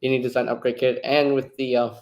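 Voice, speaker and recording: A man's voice: mid-range voice, flat delivery, fast talker, darkish tone. Laid-back male host who laughs easily. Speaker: channel host. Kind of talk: casual live toy discussion.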